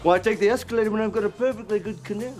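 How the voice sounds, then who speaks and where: A man's voice: high voice, very fast, darkish tone, lightly acted. A man playing a goofy, flirtatious swinging-sixties British spy with an English accent, joking playfully. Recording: film soundtrack with clear music behind.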